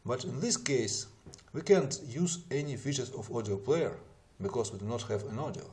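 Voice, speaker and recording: Animated and at a normal speed, a medium-pitched man who isn't a native English speaker walks through a software tutorial, explaining each step methodically.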